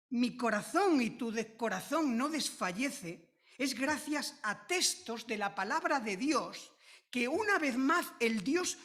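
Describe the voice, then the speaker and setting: A woman from preaching a sermon, slow and emphatic, repeating key phrases with drawn-out stress. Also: high-pitched, a bit bright.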